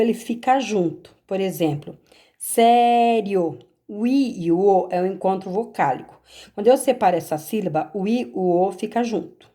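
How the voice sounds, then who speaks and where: A woman's voice: medium pitch, mellow. A Brazilian woman teacher patiently going over homework corrections, explaining step by step and checking in with her pupils. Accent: Brazilian Portuguese.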